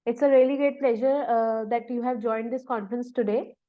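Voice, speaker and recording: A woman's voice: a little high, steady tone, a little fast. A woman hosting an online conference, giving a polite, formal welcome and introduction. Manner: polite, repeats thanks and okays. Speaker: conference host. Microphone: video call. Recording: dull, lo-fi video call audio.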